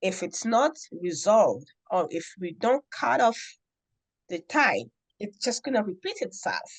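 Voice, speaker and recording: A nonprofit founder from the Democratic Republic of Congo, a middle-aged woman, shares a story as an interview guest. She sounds very animated at a medium pitch while staying earnest and deliberate, with many pauses.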